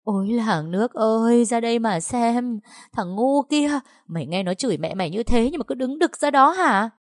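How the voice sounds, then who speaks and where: A woman's voice: lively intonation, moderate pace, dry recording, studio quality, natural voice. A woman voicing a bitter old mother screaming insults at her son and his girlfriend in a storybook reading. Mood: furious. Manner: shrill scolding.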